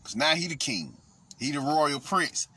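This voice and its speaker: Male host, higher-pitched and bright, loose profane commentary with constant restarts. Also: lively intonation, measured pace, breathy edge. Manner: rambling, profane, frequent restarts, "see what I'm saying". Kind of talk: casual commentary.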